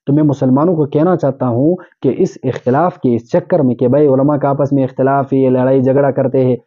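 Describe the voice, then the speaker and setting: A man's voice: medium pitch, fairly even intonation, phone-quality sound. A man delivering an earnest sermon, exhorting listeners and explaining with everyday examples. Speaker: Islamic preacher. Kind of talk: urdu sermon.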